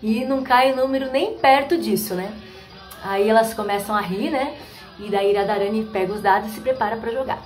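Woman, high voice, casual storytelling, lively, roomy sound, faint music behind. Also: brisk. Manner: lively, laughs often, says "né". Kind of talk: casual storytelling with acted quotes.

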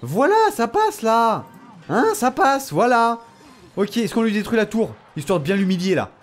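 High, lively man teasing through gameplay. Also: normal speed. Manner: animated, teasing and self-mocking, laughs often, bursts into excited shouts. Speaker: gamer commenting his own matches. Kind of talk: gameplay commentary.

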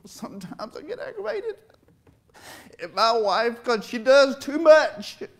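A middle-aged man delivers an emotional sermon testimony with emphatic swells in a church sanctuary with a stage. His very high-pitched, slightly bright voice is very animated yet a little slow. A distant camera captures it.

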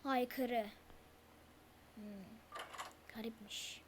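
A young-sounding gamer giving nervous horror game commentary, stammering and muttering prayers to calm down. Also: mid-range voice, extremely slow, background noise. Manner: mutters prayers when scared. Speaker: gameplay streamer.

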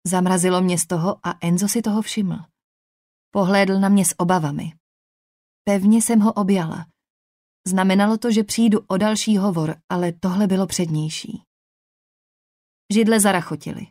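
A woman narrates a novel in the first person with a measured, even delivery. Her voice sits at a middle pitch and is recorded close and dry, with no room sound around it. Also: no echo. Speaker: audiobook narrator.

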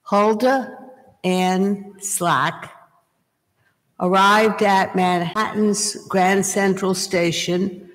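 A woman's voice: mid-range voice, fairly even intonation. Older woman preaching in a reverberant church. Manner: storytelling, deliberate. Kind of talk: sermon. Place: small church, indoors, at a pulpit. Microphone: gooseneck pulpit mic. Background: reverberant church hall.

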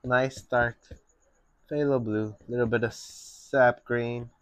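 A young man giving a relaxed, step-by-step painting lesson at his easel. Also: medium pitch, clean tone, dry recording. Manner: slow, relaxed step-by-step instruction. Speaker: painting instructor. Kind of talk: painting tutorial.

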